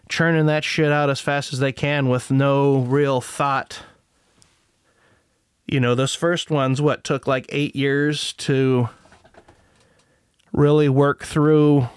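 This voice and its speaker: A man's voice: a little high, smooth, dry recording, clean studio sound. A man hosting a podcast, talking in a rambling, profane, opinionated way. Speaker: podcast host. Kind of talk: casual monologue.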